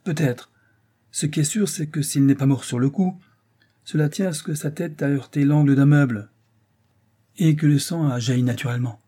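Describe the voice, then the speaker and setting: A frightened old valet frets over his stricken master in a husky, raised voice. A man acts him out in a storybook reading, the tone mellow and soft-edged. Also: fairly high pitch, normal speed, pitched above the performer's own voice, natural voice. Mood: distressed. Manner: agitated, fretful telling. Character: old distressed male servant of a duke.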